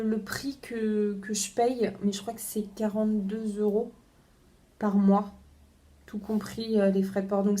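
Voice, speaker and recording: Chatty young woman with a mellow voice. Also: medium pitch. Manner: chatty, many hesitations and repeated words. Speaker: book vlogger. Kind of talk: casual unboxing chat. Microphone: front-facing camera.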